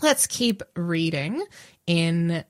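An Australian woman hosting a casual Bible discussion, retelling the story with lively acted-out asides. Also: lowish voice, no room sound, studio quality. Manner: animated, acts out characters in quick asides. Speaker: Bible study host.

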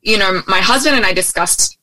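A young adult guest from Australia, whose accent leans a little American, talks openly and cheerfully in a casual interview via remote call from her Hawaii home, with plenty of ums and restarts. Her mid-range voice is a little fast, bright and forceful, captured in a dry, low-quality recording.

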